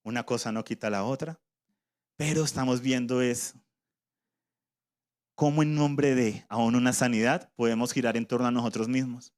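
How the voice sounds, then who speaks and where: A man's voice: mid-range voice, fairly even intonation, moderate pace, long pauses, a little mellow. A man preaching a sermon in a conversational way, voicing imagined objections from his listeners.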